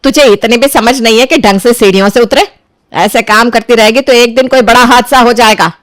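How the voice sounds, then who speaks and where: Voicing a cartoon moral tale, a woman plays a domineering middle-aged mother-in-law who's furious, nagging and accusing in a sharp, theatrical way as she pushes her voice up. Her natural voice is a little high and brisk, recorded close and dry with no room sound.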